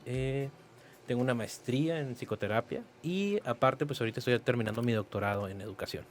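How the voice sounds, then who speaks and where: Fast-talking Mexican man explaining. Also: medium pitch, slight background noise. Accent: northern Mexican. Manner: fast, explanatory, with tag questions. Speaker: psychotherapist guest. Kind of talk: explanatory interview talk.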